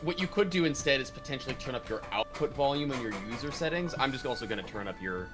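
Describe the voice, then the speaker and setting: A man plays an online tabletop game and chats casually. He talks quickly at a middling pitch. Music is clearly audible behind him. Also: lively intonation.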